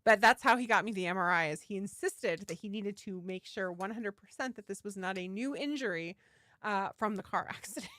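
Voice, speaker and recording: A woman who dyes yarn hosts a casual livestream, chatting with enthusiasm and reading viewer comments aloud. Her voice sits at medium pitch, and she talks briskly with a sharp tone.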